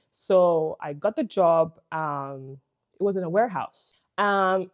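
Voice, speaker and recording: This vlogger is a young woman with a Nigerian English accent whose voice sits on the low side and is a little mellow, captured with lo-fi sound. She chats casually to camera about something personal, full of "like" and "you know," with laughs between phrases.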